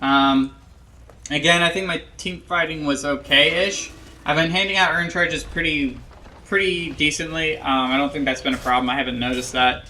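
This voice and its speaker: Young man, casual gameplay commentary, rambling and self-critical, drowsy, bright voice, faint ambience. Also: a little high, fairly even intonation, normal speed, slight background noise. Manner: rambling, self-critical, full of ums and likes. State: drowsy, yawning. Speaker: gameplay analyst. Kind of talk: casual commentary over his own match footage.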